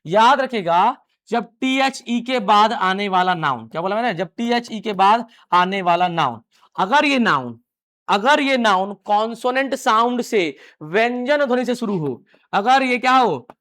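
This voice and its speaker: A man with a high voice gives a live classroom lecture on English grammar. He fires questions at his students and answers them himself. He drills the same phrases again and again. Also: animated, a little slow, fairly bright tone. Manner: repeats key phrases many times. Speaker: English teacher.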